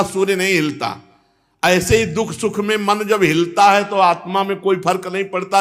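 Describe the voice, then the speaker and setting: A high-pitched male preacher delivers a devotional sermon. His delivery leaps up for emphasis and sinks low again as he tells a scripture tale. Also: fairly bright tone. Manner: storytelling with sudden rises and drops in pitch. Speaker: spiritual preacher. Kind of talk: devotional discourse.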